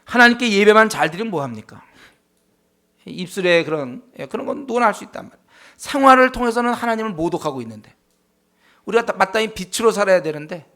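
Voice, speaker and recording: Male pastor, high-pitched, Bible study sermon, emphatic with rhetorical questions. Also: a bit bright. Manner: emphatic, rhetorical questions, frequent affirming "yes".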